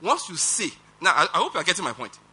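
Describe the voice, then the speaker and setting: Fast and high-voiced with a breathy edge, this Nigerian-accented pastor delivers an animated, emphatic sermon. He throws in rhetorical questions and chuckles.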